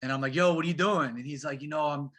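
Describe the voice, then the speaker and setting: A man, a professional soccer player, talking as a guest in a casual interview, animated and slangy, calling his host bro and man. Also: a little high, fast talker.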